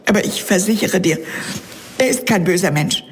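An actress playing a stern, protective older spinster in a radio drama, with a severe, grave and guarded manner. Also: female voice, fairly low pitch, expressive, normal speed, slight background noise. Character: stern, bitter, protective elderly spinster sister. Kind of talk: German radio drama acting.

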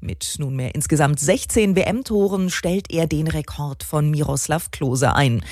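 Female radio newsreader, low and steady, dry studio sound. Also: dry recording. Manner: even, measured delivery. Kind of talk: scripted radio news reading.

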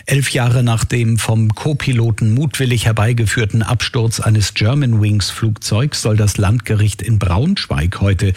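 A man's voice: lowish voice, a little mellow, breathy edge, dry recording. A man reading a scripted radio news bulletin as a newsreader.

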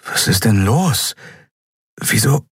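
A man's voice: on the low side, expressive, slow, breathy edge, no room sound, pitched above the performer's own voice, exaggerated voice. A man voicing a cornered young man who pleads and stammers, choking and gasping as he is held by the throat. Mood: confused. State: choked, gasping for air.

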